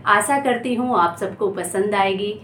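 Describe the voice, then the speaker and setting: A woman narrates a moral story in a calm, gentle, explanatory way. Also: medium pitch, measured pace. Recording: echoey room, faint background noise.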